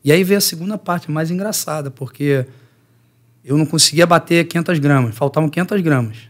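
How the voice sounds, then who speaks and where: A man's voice: on the high side, brisk. A middle-aged man from Rio, a jiu-jitsu teacher telling stories as a podcast guest and acting out other people's lines. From Rio de Janeiro, Brazil. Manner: lively storyteller who acts out the voices of others. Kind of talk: podcast interview storytelling.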